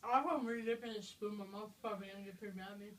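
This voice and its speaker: A woman's voice: medium pitch, steady tone, very fast. A young woman chatting casually as she hosts a challenge, her speech thick and sticky with a mouth full of peanut butter. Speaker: host of a challenge video. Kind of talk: casual chat. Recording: noisy room, distant microphone.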